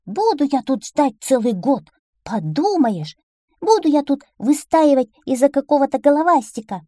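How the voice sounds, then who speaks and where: A tiny, greedy duckling bragging at the top of his high little voice, as a woman reading a storybook puts him on. He sounds cocky and shrill, and his tone leaps around. The sound is dry and close. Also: very animated, moderate pace, warm tone, no echo. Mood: boastful.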